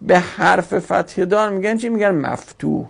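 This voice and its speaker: Teacher with a heavily gravelly, husky voice and a lively pitch; drills grammar terms, quizzing and answering himself. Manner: asks questions and answers them himself; repeats terms slowly for emphasis. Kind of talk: classroom grammar lesson.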